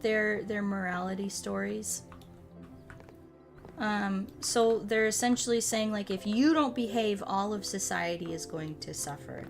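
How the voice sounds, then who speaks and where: A gravelly, mid-range voice belongs to a woman hosting a casual game livestream. She chats informally and thinks aloud in a rambling way over background music.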